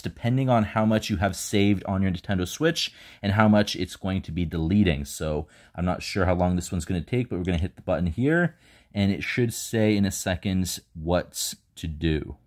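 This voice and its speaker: A man hosting a casual tech tutorial, calmly walking viewers through each step while filming indoors on a handheld phone. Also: lowish voice. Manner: relaxed step-by-step instructions. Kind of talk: casual how-to walkthrough. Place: indoors, filming over a bed.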